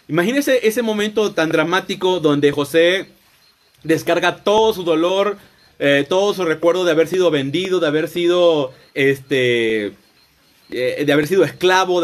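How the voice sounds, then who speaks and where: A man retelling a Bible story in a loose, conversational sermon, often restarting and rephrasing as he goes. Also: on the high side. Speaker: preacher. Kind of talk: informal Bible teaching.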